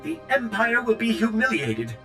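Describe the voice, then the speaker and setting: An actor playing a prim, fussy male servant droid in a video game, with a polished, too-smooth android delivery. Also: very high voice, sing-song, normal speed, music in the background. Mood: brisk. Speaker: game character.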